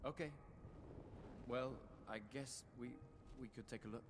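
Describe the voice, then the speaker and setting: A man's voice: medium pitch, unhurried, long reverb tail, slight background noise, lightly acted. An actor playing a wary male adventurer in a video game, with a dry, understated delivery. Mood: dry, reluctant.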